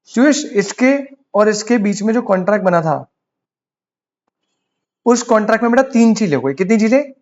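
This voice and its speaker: A man's voice: sits high, animated, normal speed, pauses often, muffled recording. A man with an Indian accent teaching commerce law in a casual lecture, calling students "beta" and asking them rhetorical questions. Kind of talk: casual Hindi-English lecture.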